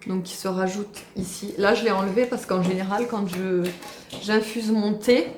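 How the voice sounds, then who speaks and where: A woman's voice: mid-range voice, steady tone, moderate pace, darkish tone, roomy sound, slight background noise. A woman chatting casually to the camera in a home vlog, full of fillers and restarts. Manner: chatty, many fillers and restarts, fond baby talk to pets and baby. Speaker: family vlogger.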